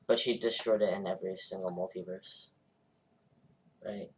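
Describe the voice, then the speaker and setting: Low-voiced podcast co-host man. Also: fairly even intonation, moderate pace. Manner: brief interjections and questions. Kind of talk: casual movie review chat.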